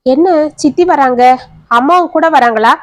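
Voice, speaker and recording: A woman's voice: high-pitched, moderate pace, no echo, lightly acted. A woman voicing a worried young married man who pleads and questions as he searches for his missing mother. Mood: pleading.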